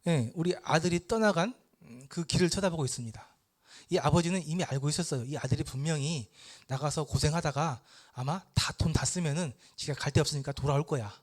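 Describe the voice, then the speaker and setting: A man lecturing at church, retelling a parable with lively storytelling and rhetorical questions. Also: on the high side, fairly quick.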